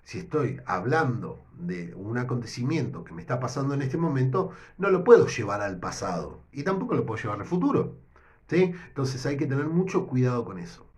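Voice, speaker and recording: A man teaching a lesson with a Rioplatense accent, explaining step by step and often checking in with a quick question. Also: medium pitch, sing-song, darkish tone. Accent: Rioplatense Spanish. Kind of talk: recorded language lesson. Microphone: no whiteboard, improvising with notes.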